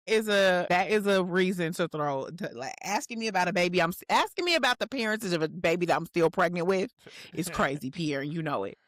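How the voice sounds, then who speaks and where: A woman's voice: on the low side, a little fast, dry recording, clean studio sound. A woman co-hosting a casual podcast, chatting playfully and animatedly, often breaking into quoted lines. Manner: animated, playful, bursts of laughter and rapped quotes. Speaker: podcast co-host. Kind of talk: casual chat.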